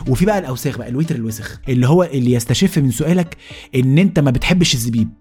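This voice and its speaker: A man with an Egyptian accent hosting a comedic rant monologue, animated and exasperated. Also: mid-range voice, slightly rough, soft background music. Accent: Egyptian Arabic. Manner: animated, exasperated, rapid-fire. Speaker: host.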